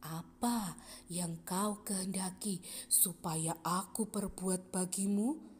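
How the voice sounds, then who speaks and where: A woman voicing Jesus as a calm, kind grown man in a children's Bible story, speaking gently and slowly. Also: mid-range voice, a little hiss or hum, pitched below the performer's own voice, lightly acted. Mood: gentle.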